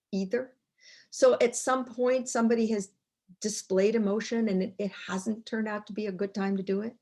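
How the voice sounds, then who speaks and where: A woman's voice: mid-range voice, dark tone. An older woman telling a story as a guest speaker in a fireside chat. She restarts and repeats words as she goes.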